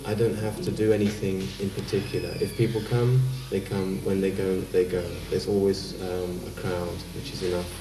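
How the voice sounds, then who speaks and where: A man speaks in a very deep, flat voice, calm and hesitant, filling his pauses with ums and uhs. He is picked up from a distance in a roomy, echoey space. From France, raised in England. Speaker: street performer interviewed. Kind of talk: TV interview. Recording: roomy echo, distant mic.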